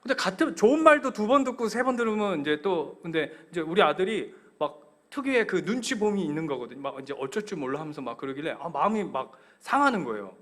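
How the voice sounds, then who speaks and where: A male pastor preaching a sermon, telling a personal story with animated delivery and asking his congregation questions. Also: sits high, fast talker, few pauses.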